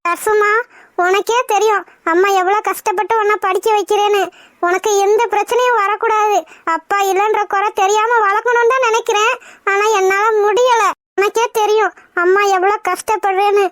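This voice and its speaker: High-pitched cartoon mom, as a woman voices her. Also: steady tone, moderate pace, fairly bright tone, dry recording, clean studio sound. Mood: worried. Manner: pleading, emotional. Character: struggling widowed mother, tender and tearful. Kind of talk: cartoon voice acting.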